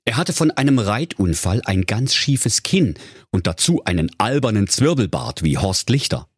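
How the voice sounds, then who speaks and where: A man's voice: fairly low pitch, very animated, moderate pace, husky, no room sound, clean studio sound. A man telling a comic fairy tale in a mock-solemn, playful way. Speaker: storyteller.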